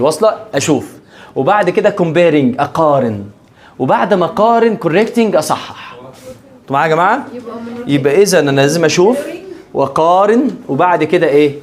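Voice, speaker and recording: Fast-talking Egyptian teacher, joking. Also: male voice, on the high side. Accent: Egyptian Arabic. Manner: lively, joking, keeps checking if students follow. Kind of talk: classroom lecture.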